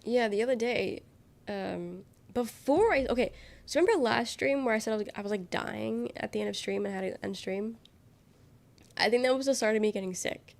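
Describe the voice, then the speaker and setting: A young woman livestreamer chats casually with her viewers, rambling as she reads the chat out loud. Her voice is slightly high with vocal fry at a normal speed, and it sounds nasal, congested and worn from being sick.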